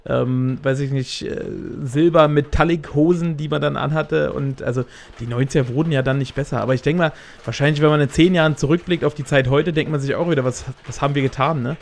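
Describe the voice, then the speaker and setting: A man's voice: on the high side, fairly even intonation, fairly quick, vocal fry, few pauses. A man in his thirties co-hosting a podcast, talking casually and rambling with many fillers. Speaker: podcast co-host. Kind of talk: casual chat.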